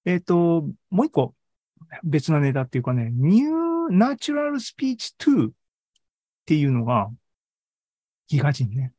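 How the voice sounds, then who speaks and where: Thinking aloud in an informal tech talk, a man who presents an online AI seminar and podcast speaks indoors on a live video call. His mellow voice is fairly high with huge pitch swings, moderately paced with frequent pauses, and he's conversational, regularly tacking on tags to win agreement. The recording is dry.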